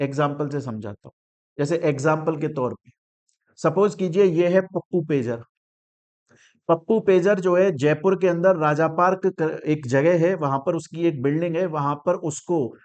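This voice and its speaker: A man teaching a law class with lively energy. His voice sits a little high for a man. He poses questions, answers them himself, and plays out students' doubts to keep the lesson moving. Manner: animated, asks and answers his own questions. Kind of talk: classroom lecture.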